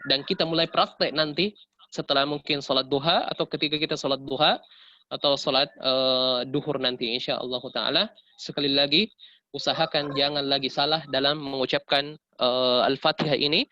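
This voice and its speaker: A man with an Indonesian accent teaching Quran recitation rules in a bright, fairly high voice, correcting and demonstrating each sound. The recording is dry and a little dull. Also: dry recording. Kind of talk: tajwid lesson with recited examples.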